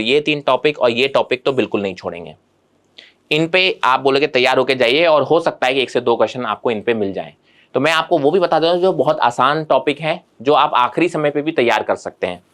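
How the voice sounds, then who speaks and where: A man's voice: medium pitch, a bit bright. A man teaching an exam-preparation lesson in Hindi mixed with English terms, speaking straight to his students in a reassuring way.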